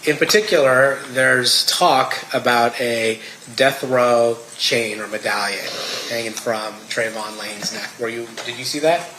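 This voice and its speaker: An American man examining a witness as a lawyer, putting questions in a halting, deliberate way. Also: medium pitch, steady tone. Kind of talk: courtroom examination. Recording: echoey room with background noise.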